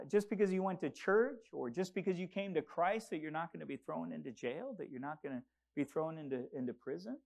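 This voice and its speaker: A man's voice: high-pitched, creaky, a little mellow. Earnest preacher man, grew up in Congo. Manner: earnest, rising to urgent emphasis. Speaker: pastor. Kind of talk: sermon.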